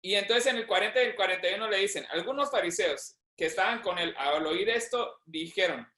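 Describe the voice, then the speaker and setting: A man's voice: sits high, brisk, bright, forceful tone, reverberant. A man, a seminar participant energetically retelling a Bible passage, often using the filler "este".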